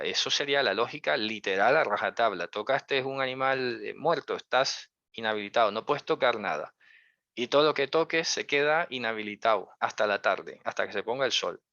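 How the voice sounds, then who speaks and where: A man's voice: medium pitch, bright, forceful tone, no echo. A man teaching a religious lesson in a conversational way, asking many rhetorical questions and carefully hedging his interpretations. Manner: conversational, full of rhetorical questions and check-ins. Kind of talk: explanatory lesson. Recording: dull, dry lo-fi recording.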